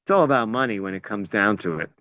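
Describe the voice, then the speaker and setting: A man's voice: fairly low pitch, animated, fast, bright, forceful tone, no room sound, highs cut off. Rambling American man telling stories. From United States. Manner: rambling, self-interrupting storyteller. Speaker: actor and playwright. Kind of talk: casual conversation.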